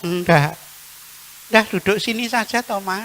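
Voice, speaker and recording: A man voicing a sick, gentle husband who pleads softly in a lowered voice. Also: unhurried, slight background noise, low-quality recording. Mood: pleading. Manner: soft, lowered voice.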